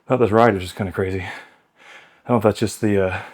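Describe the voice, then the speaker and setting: A man's voice: lowish voice, fairly even intonation, a little fast. A man in his thirties talking casually while riding an exercise bike at home, out of breath and chatting loosely between workout cues. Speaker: workout host. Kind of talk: casual coaching while cycling.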